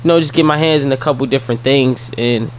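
A man from South Philadelphia with a Philly accent, a guest in a casual interview, speaking softly and easily with lots of ums. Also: medium pitch, fast. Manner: soft-spoken, relaxed, with many fillers. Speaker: guest, entrepreneur and youth mentor. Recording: faint background noise.

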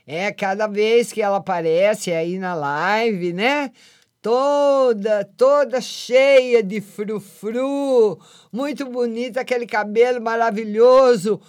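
A woman's voice: fairly high pitch, slow, a little mellow, no room sound, studio quality. An older woman hosting a live call-in show, chatting affectionately with callers and giving them readings. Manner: affectionate, calls callers "my lovely". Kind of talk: casual live call-in chat.

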